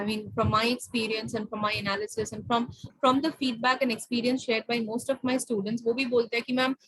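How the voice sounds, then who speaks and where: An Indian woman coaches her student over a video call, switching between Hindi and English. Her voice is a touch high and husky, her pace unhurried. The sound is close and dry, with no room around it. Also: no room sound, rough recording. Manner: explanatory, checks understanding often. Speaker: IELTS speaking tutor. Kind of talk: online tutoring session, mixing Hindi and English.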